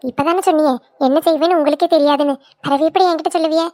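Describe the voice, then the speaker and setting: A woman's voice: high-pitched, steady tone, rapid-fire, darkish tone, lightly acted. A woman voicing a playful, talkative young village daughter-in-law, in a cartoon. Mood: cheeky. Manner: playful, teasing, cheeky. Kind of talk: cartoon voice acting.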